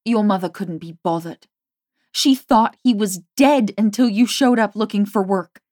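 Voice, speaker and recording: A woman's voice: lowish voice, steady tone, measured pace, mellow, no echo, clean studio sound. A woman narrator voicing a bitter, vengeful young woman who speaks with cutting scorn. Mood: furious.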